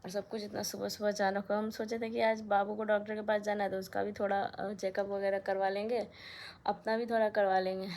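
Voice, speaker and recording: A woman's voice: medium pitch, a little mellow. A young woman in a casual vlog, talking straight to her viewers in a chatty, aggrieved way. She is filming on a phone in a small room at home with the fan turned off. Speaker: vlogger. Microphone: phone camera held close.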